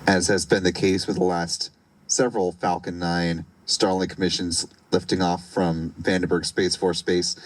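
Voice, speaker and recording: A man giving measured, explanatory live technical commentary as a webcast commentator. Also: sits low, level tone, poor audio.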